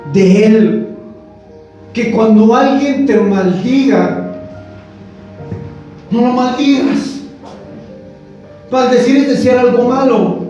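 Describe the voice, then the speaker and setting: Pastor, male, high voice, preaching in a very echoey church from a distant mic, soft music behind. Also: lo-fi sound. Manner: storytelling with rhetorical questions to the congregation. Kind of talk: sermon. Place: church hall.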